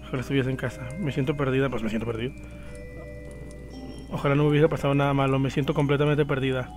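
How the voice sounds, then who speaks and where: A man's voice: mid-range voice, level tone, quick pace, darkish tone, soft background music, natural voice. A man voicing a confused, sad ten-year-old girl, reading game lines aloud with slips. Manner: reads lines from the screen with slips.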